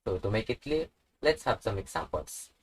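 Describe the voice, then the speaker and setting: A man's voice: fairly low pitch, big pitch swings, moderate pace, breathy edge, low-quality recording. A man teaching a language lesson, patiently repeating each example word. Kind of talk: slow instructional tutorial.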